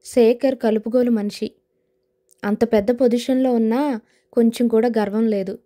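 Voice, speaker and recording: A woman narrating an audio novel, reading every character's lines herself in a gentle, even tone. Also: a little high, moderate pace. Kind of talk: scripted novel narration with voiced dialogue.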